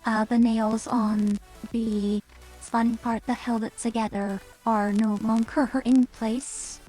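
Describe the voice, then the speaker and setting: A woman's voice: a little high, level tone, takes it slowly, mellow, faint music behind, poor audio. A woman VTuber chatting casually on stream through a staticky voice changer that cuts out, rambling with hesitant fillers.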